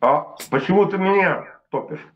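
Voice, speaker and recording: Drunk man from Transnistria, rambling and cursing caller, slightly high voice, muffled lo-fi line. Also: normal speed. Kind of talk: heated phone argument.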